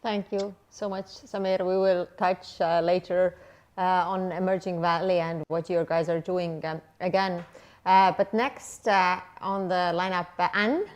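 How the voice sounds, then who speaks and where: A woman moderating an online panel, who hands over the floor briskly to each speaker. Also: on the low side, fairly even intonation.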